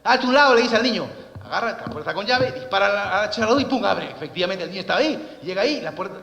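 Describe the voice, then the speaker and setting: A man's voice: high voice, expressive, racing, vocal fry, sharp tone. A man giving a law lecture, telling stories with sound effects and many rhetorical questions. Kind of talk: lively lecture with anecdotes. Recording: echoey hall recording.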